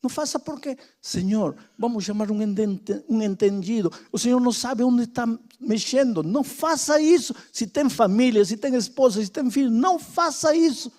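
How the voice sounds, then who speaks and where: A woman's voice: fairly high pitch, animated, normal speed, hardly any pauses, warm tone, pitched above the performer's own voice, close to an everyday voice. A male preacher voicing a frightened hotel cleaning woman who urgently pleads with him not to do something. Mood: pleading.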